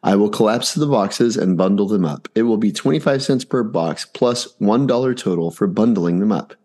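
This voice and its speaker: A man's voice: fairly low pitch, normal speed, dark tone. A man in his forties, a podcast guest, telling a family story casually and animatedly, acting out the dialogue.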